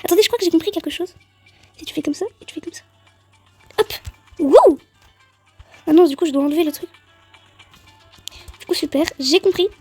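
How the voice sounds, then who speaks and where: A woman giving chatty, excitable let's-play commentary on a game, talking straight to her viewers. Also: very high-pitched, fairly quick, long pauses, no echo, soft background music. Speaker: gaming video creator.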